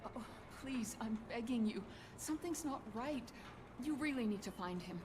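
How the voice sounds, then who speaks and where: An anxious mother in a video game, played by a woman, pleading and worried, her voice fairly high. Clear background noise runs under her lines. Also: expressive, moderate pace, close to an everyday voice. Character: anxious mother reporting her grown son missing.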